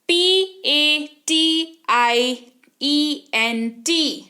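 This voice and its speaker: Woman, high-pitched, English teacher, spells words letter by letter, asks and answers her own questions. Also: sharp tone. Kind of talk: spoken English lesson.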